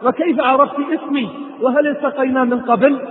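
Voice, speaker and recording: Kind young woman doctor, voiced by a male preacher; high pitch, roomy hall, lo-fi phone sound. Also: fairly even intonation, a little fast, a little hiss or hum. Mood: astonished.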